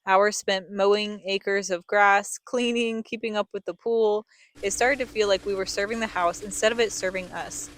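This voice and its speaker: A woman's voice: mid-range voice, fairly even intonation, moderate pace. A young woman reading a scripted vlog voice-over in a reflective, earnest storytelling manner. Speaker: family vlogger, co-host.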